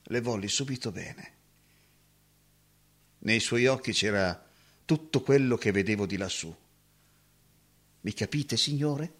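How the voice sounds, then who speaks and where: An actor playing a heartbroken former woodsman, moving from hushed remembering to anguished cries. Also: mid-range voice, takes it slowly, long pauses. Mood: wistful. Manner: emotional, swinging from hushed recollection to anguished cries. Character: heartbroken former woodsman haunted by lost love. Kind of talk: dramatic acting.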